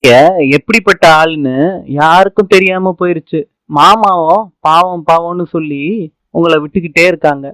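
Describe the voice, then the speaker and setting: A man's voice: on the high side, moderate pace, fairly bright tone, dry recording, natural voice. A man voicing a playful young wife who teases and orders her husband about, in a serial recap narration. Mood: teasing. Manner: teasing, bossy. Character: cheerful young woman, playful teasing wife.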